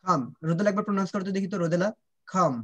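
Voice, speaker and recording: A man with a high-pitched voice and fairly even intonation talks very fast while teaching children pronunciation online. He drills sounds, keeps checking whether the students understand, and mixes Bengali and English.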